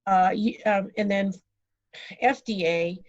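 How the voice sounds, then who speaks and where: A woman with a Boston accent giving an online presentation, rushing ahead with many fillers and restarts. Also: mid-range voice. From Boston, Massachusetts. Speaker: guest speaker. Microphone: video call. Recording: dull lo-fi video call audio.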